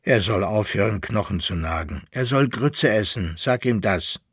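A man voicing a gruff old village dog. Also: lowish voice, expressive, normal speed, fairly bright tone, dry recording, clean studio sound, full character voice. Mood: grumbling.

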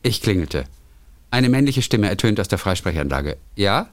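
A male podcast co-host, chatting and reading listener letters aloud with lively storytelling energy. His pitch swings widely up and down as he tells the story. The sound is dry and close, with no room echo. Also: moderate pace. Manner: animated storyteller, lively intonation.

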